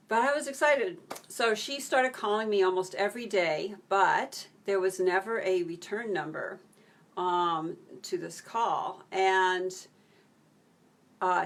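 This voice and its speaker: A woman telling a story in a casual live stream, chatty, breaking off to answer viewer comments. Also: mid-range voice. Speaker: video creator on a live stream.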